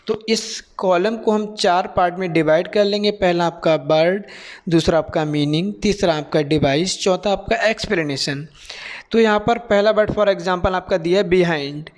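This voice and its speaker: A man from India, a teacher educator, explaining a lesson plan methodically, step by step, often checking in with his listeners. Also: high-pitched.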